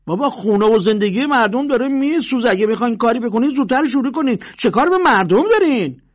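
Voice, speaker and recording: A man voicing an exasperated bystander who protests loudly. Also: very high-pitched, expressive, voice pushed up. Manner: urgent, protesting. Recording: dull lo-fi recording.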